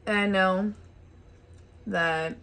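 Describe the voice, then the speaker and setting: A woman's voice: medium pitch, fairly even intonation, extremely slow, fairly bright tone. A woman hosting a vlog, chatting casually while eating a meal at home. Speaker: vlog host. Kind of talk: casual chat over a meal.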